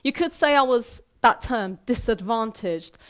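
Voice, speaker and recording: Lively high-voiced woman speaker on stage. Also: measured pace. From Iran, raised in Sweden. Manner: lively, conversational, asks the audience questions. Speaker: keynote speaker. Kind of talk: motivational talk. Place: theater stage with a large audience hall. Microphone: headset mic.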